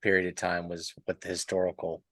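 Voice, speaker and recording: A man's voice: low voice, completely flat delivery, a little fast, fairly bright tone, dry recording. A man in a casual podcast book discussion, rambling and thinking aloud as he talks. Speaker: podcast panelist.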